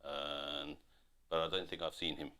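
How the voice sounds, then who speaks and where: Deep-voiced chatty dad. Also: male voice, little pitch movement, unhurried, bright, forceful tone. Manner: chatty, rambling, self-correcting. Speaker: father running the livestream tech. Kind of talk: casual livestream chat.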